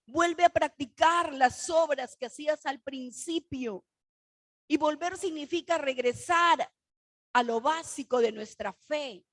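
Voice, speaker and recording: A woman preaching a sermon, telling a personal testimony with dramatic swings between soft and loud. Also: high-pitched, no echo. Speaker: pastor's wife preaching.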